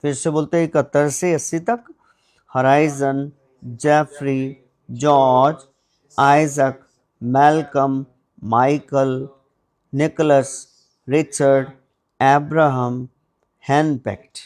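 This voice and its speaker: Slow, deliberate male teacher. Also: mid-range voice, fairly even intonation, darkish tone. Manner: slow, deliberate word-by-word drilling. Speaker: English teacher. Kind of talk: pronunciation drill lesson.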